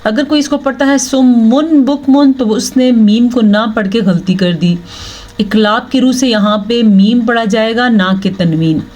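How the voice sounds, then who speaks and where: A woman teaching Quran recitation rules step by step. She explains each rule patiently, checks in often, then chants the Arabic words slowly. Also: fairly high pitch, a little mellow. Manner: checks in with "thik hai" often. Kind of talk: slow, step-by-step tajweed lesson.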